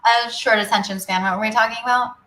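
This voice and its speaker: A woman's voice: mid-range voice, fairly even intonation, fast, bright, forceful tone. A woman co-hosting a show in casual chat, talking informally and peppering her sentences with "like". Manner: informal, chatty, frequent "like". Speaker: show co-host. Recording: roomy echo.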